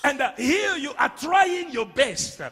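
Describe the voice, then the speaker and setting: Bright high male preacher. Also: expressive, takes it slowly. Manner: proclaiming. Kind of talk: prophetic sermon. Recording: reverberant hall.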